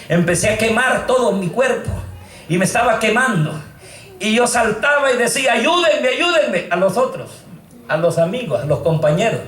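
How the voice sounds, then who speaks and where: A man from El Salvador giving an earnest, emotional testimony in church, often calling his listeners brothers. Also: high voice. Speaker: testimony speaker. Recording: roomy echo, distant mic, faint noise.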